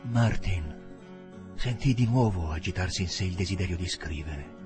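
A man narrating a novel aloud with expressive, dramatic phrasing. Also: low voice, normal speed, over music. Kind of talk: audiobook reading.

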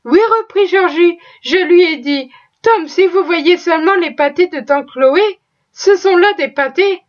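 Teasing teenage boy read by a woman, playful and boastful, high voice, lo-fi audio. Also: a little slow. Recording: slightly dull lo-fi recording.

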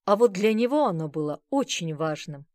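A woman's voice: lowish voice, expressive, moderate pace, a little mellow, dry recording, studio quality, close to an everyday voice. A woman reading the part of a shaken, grateful, courteous man in an audiobook. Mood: earnest.

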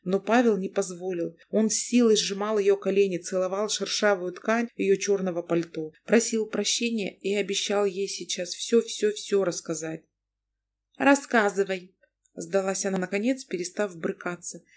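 A woman narrating an audiobook at a middle pitch. She reads in a measured, dramatic way, slowing for tense moments. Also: steady tone, darkish tone. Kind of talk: audiobook reading.

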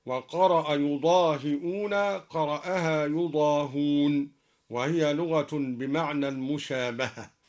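A man teaching Quran recitation rules on the radio, explaining each variant in a measured, scholarly way and chanting the verses as examples. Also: fairly high pitch, fairly even intonation, a little mellow. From Egypt.

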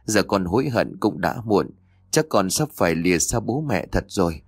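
A man's voice: sits low, sing-song, normal speed, husky, no echo, clean studio sound, heavily acted. A man doing a faint, dying young woman. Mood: remorseful. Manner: faint, whispery.

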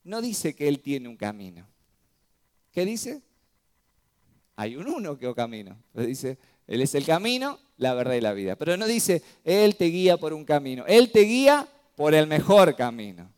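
Rioplatense male pastor, smooth resonant voice, slightly high, sermon to a congregation. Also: big pitch swings, normal speed, darkish tone. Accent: Rioplatense Spanish. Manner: asks the congregation frequent rhetorical questions, checks with "¿sí?". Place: church.

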